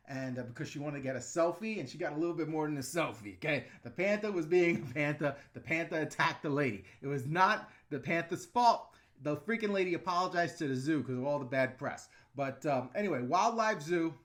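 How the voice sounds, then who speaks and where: Chatty higher-voiced man on a livestream. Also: fairly bright tone. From New York / New Jersey area. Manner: chatty, frank, loose, with frequent ums and laughs. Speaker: channel host answering live chat. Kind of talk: casual livestream Q&A.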